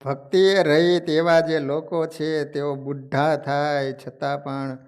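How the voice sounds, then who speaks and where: A man from gives a devotional discourse, speaking straight to his listeners. His voice sits a little high for a man and lifts and drops as he tells his stories. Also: slow, smooth. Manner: lively storytelling, voice rising and falling with the tale. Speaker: religious storyteller.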